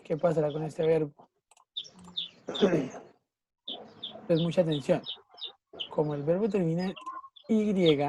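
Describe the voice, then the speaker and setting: A woman's voice: fairly low pitch, mellow, slight background noise. A woman teacher, patiently explaining a grammar rule in an online class and checking often that students follow. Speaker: English teacher.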